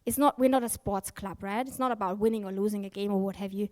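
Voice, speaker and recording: This conference speaker talks quickly in a medium-pitched, slightly mellow voice. Candid and emphatic, she curses often, uses plenty of fillers, and frequently stops to correct herself partway through sentences.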